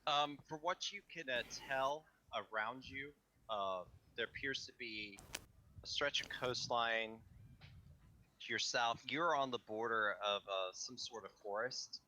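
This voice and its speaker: A man acting as game master, narrating a tabletop game in halting, deliberate descriptions. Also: mid-range voice, bright, forceful tone. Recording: faint background noise, mouse clicks.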